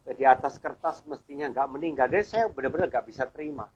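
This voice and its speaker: A man's voice: mid-range voice, fast, slight background noise. A middle-aged man, a church elder, earnestly telling his own faith story in conversation and acting out the dialogue he remembers. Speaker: church elder, guest speaker. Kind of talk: personal testimony in conversation. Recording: dull lo-fi sound.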